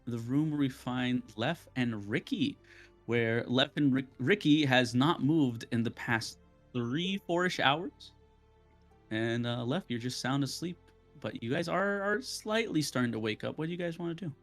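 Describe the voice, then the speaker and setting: A man's voice: mid-range voice, lively intonation, a little slow, soft background music. Playful man running a tabletop game. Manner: playful, teasing, laughs often. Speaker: game master. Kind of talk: narrating a tabletop game over voice chat.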